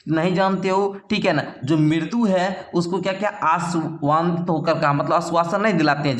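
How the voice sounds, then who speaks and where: A man teaching an English lesson in Hindi, slowly repeating words for his students and often checking that they follow. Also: fairly high pitch, fairly bright tone, roomy sound. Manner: checks in with "thik hai" and "samjhe" often.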